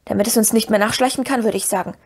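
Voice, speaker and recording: A woman voicing a grumpy, loyal male hobbit in an audiobook, blunt and gruff. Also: fairly high pitch, fairly even intonation, very fast. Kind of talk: audiobook reading.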